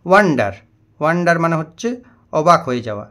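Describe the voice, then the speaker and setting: A man's voice: a little high, animated, sharp tone. A man teaching an English lesson, explaining vocabulary patiently and spelling words out letter by letter. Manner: slow, deliberate reading of English example sentences.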